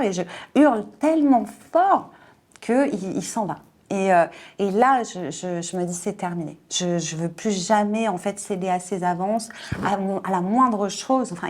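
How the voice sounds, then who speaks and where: A woman in her forties giving a personal testimony in an interview, halting and emotional, often repeating words and filling pauses. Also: mid-range voice, a little mellow. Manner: emotional, earnest.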